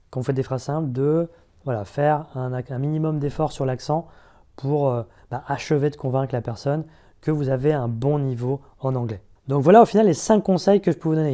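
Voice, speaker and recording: A man's voice: medium pitch, warm tone. A man from France working as a recruiter, giving direct, chatty job interview advice straight to his viewers in a casual video.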